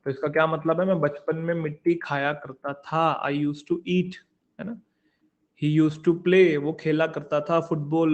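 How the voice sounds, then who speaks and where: Hindi-speaking man teaching grammar, higher voice. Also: muffled recording. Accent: Indian English. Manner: explains in Hindi, repeats key words as questions to students. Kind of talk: online exam-prep lecture.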